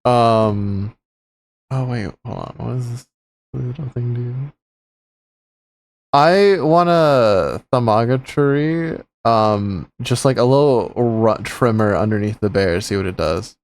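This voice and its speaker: A man's voice: mid-range voice, slow. A man playing a tabletop game on a live stream, jokey and laughing often. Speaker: player.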